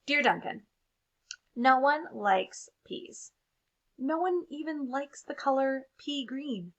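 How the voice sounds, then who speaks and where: A woman voicing a pompous, adventure-seeking green crayon with grand, theatrical storybook delivery. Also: high voice. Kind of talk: expressive picture-book read-aloud.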